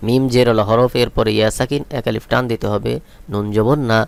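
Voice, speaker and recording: Spelling out Quranic letters and vowel marks one by one before stretching out each chanted word, this teacher gives a slow lesson with translation. His mid-range voice is clear, resonant and a bit creaky, fairly even in intonation and slightly fast.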